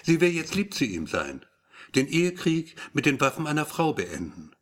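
Sex: man reading a woman. Figure: a man voicing a sharp-tongued woman journalist. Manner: curt, sarcastic, lively pitch. Style: audiobook. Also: normal speed. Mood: impatient.

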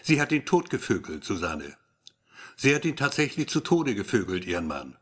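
A man reading a sharp-tongued, impatient woman journalist in an audiobook, speaking in a curt, sarcastic way. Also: on the low side, very animated, moderate pace, pitched below the performer's own voice. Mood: scornful.

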